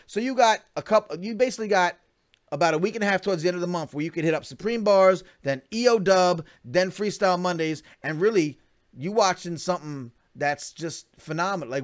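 A man talks straight to his listeners in a loose, unscripted podcast. He hypes events with real enthusiasm, and his voice sits a little high for a man. He stumbles, restarts and fills gaps with "um" and "you know.". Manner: animated, hyping events, many fillers and restarts. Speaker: podcast host. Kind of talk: casual solo podcast talk.

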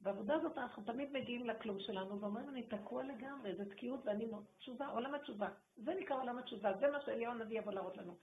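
A woman's voice: on the high side, hardly any pauses, darkish tone. A woman giving a spiritual talk, telling stories of a rabbi and emphatically appealing to her listeners, recorded in an echoey room with noise behind her.

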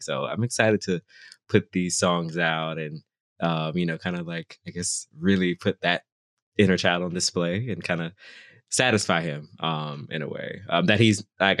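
Rambling through a casual interview, this young male singer-songwriter keeps filling his talk with "like" and "you know." He has a low, slightly bright voice, recorded cleanly in a studio with no room sound.

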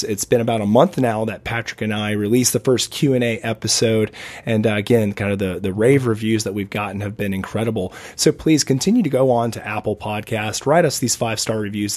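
Raspy, hoarse man hosting a podcast. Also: medium pitch, darkish tone. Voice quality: raspy, hoarse smoker's rasp. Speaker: podcast host. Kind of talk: casual conversational podcast talk.

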